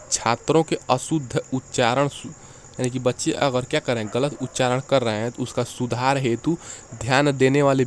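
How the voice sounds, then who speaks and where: A man's voice: medium pitch, a little hiss or hum. A man teaching an exam-prep lecture, going through the points one by one and checking in with the listeners as he explains. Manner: explains point by point, often adds "ठीक है".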